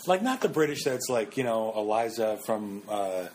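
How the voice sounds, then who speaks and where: Young male co-host, lively pitch, rambling delivery, faint hiss behind. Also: normal speed. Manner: rambling, hesitant, with frequent fillers. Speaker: podcast co-host. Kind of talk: casual chat.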